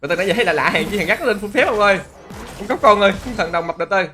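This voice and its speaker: A man doing live gameplay commentary, who exclaims loudly and greets and teases his chat viewers. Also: high-pitched, rapid-fire. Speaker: game streamer. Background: game music.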